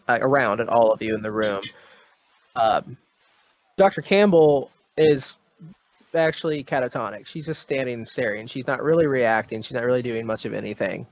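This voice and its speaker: A man's voice: medium pitch, moderate pace, a little hiss or hum. A man running a tabletop horror game as game master, narrating in a hesitant, rambling way full of ums, on a dull lo-fi recording.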